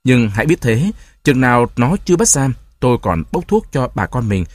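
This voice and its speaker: A man voicing an old, wounded herbal healer who speaks calmly and restrained. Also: mid-range voice, normal speed, no echo. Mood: grave. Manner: calm, restrained.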